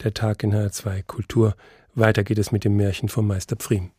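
A man hosting a radio culture program, announcing topics in a smooth, scripted way. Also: fairly low pitch, flat delivery, fairly quick, darkish tone, dry recording, clean studio sound. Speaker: radio host. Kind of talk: radio magazine moderation.

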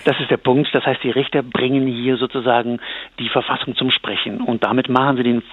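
A man's voice: mid-range voice, little pitch movement, brisk, breathy edge, no echo. A male professor explaining, with some hesitation, as a radio interview guest. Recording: tinny phone line.

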